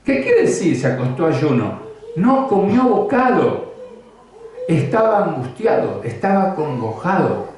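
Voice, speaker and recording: Slow-talking pastor in echoey church. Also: male voice, on the high side, sing-song, darkish tone, distant mic. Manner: conversational, asks the congregation rhetorical questions. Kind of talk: sermon. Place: church hall.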